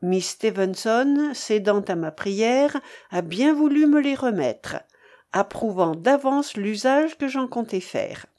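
A resolute young daughter, earnest and passionate, her voice bright and high with lively swings, as a woman reading the book brings her to life. She speaks with firm, heartfelt conviction. This is a storybook reading. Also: takes it slowly. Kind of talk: audiobook character reading.

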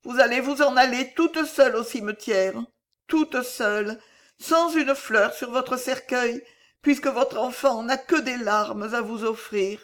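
A woman's voice: high-pitched, takes it slowly, fairly bright tone, pitched above the performer's own voice. A woman voicing a desperate young girl singer who pleads and sobs in a strained, tearful voice. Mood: grieving.

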